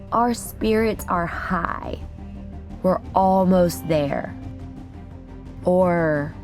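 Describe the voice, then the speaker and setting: Lady doing scripted travel vlog voiceover, medium pitch, music under it. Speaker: sailor, vlog narrator.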